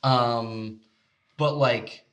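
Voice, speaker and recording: Bright-voiced man in rambling podcast chat. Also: mid-range voice, fairly even intonation, very slow. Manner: rambling, with many restarts and fillers. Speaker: podcast co-host. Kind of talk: casual chat.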